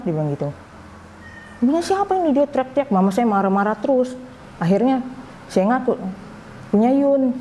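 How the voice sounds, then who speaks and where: A woman telling her personal story, voicing the people in it with animated quoted dialogue. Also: lowish voice, slight background noise. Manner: recounts with lively quoted dialogue. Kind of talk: personal testimony.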